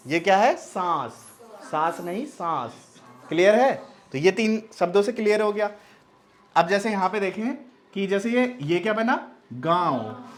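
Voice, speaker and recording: Speaking in a high voice, a male language teacher asks his own questions and then answers them. He says words slowly and more than once, drawing out the nasal sounds, and often asks if it's clear.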